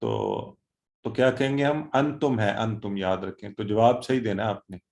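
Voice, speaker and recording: A man teaching an online Quran and Arabic class over a video call, encouraging and drilling students by slowly repeating Arabic words. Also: on the low side, wildly swooping pitch, creaky, darkish tone.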